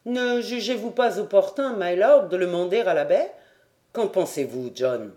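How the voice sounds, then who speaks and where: An audiobook reader voicing a composed nobleman who leads the expedition and asks his companions for their views in a measured way. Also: medium pitch, lively intonation, dark tone, lightly acted. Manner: measured, questioning. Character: composed Scottish-born nobleman, expedition leader. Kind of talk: audiobook character voice.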